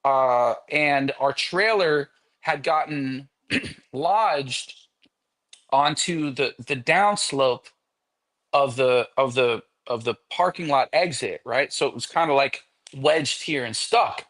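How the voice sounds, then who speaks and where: A man's voice: mid-range voice, slow pace, a bit bright. A man guesting on a podcast, telling a long story casually and animatedly, with frequent swearing.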